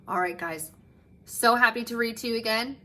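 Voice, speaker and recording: With a slightly high voice, a woman teacher reads aloud from a picture book for children, delivering it expressively with dramatic pauses and stretched phrase endings.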